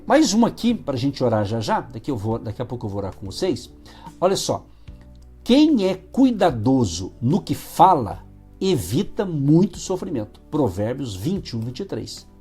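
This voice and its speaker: A Brazilian man leads a radio devotional, unpacking scripture in an easygoing, conversational way and checking in with his listeners through constant tag questions. His voice is dark, mellow and a little husky, and his pitch moves about animatedly. Soft music plays faintly under him. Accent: Brazilian Portuguese. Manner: conversational, explains Bible verses, frequent tag questions. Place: radio studio.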